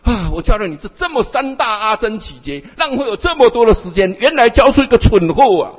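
A man puts on a stern male bodhisattva teacher with a high, husky voice that scolds his foolish pupil. The lines rise and fall in a sing-song, exasperated lilt. The recording is dull and rings with long hall reverb. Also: very animated, a little fast, full character voice. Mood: scolding.

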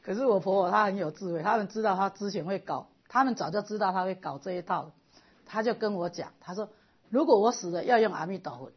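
A middle-aged woman giving a lively, animated storytelling lecture as a Buddhist lay teacher. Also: medium pitch, fast, slightly rough, lo-fi sound.

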